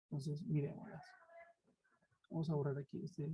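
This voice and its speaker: A woman's voice: deep voice, little pitch movement, moderate pace, dark tone, slightly rough, poor audio. A woman teaching an English grammar class over a web conference, explaining step by step and checking in with her students. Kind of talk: online class lecture. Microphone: web conference headset or laptop mic.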